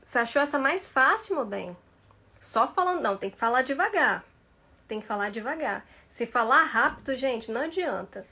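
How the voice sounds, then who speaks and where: A woman's voice: sits high, animated, normal speed, bright, forceful tone, husky. A woman career mentor coaching viewers through tongue twisters on a live stream, playful and laughing often, stretching each syllable carefully.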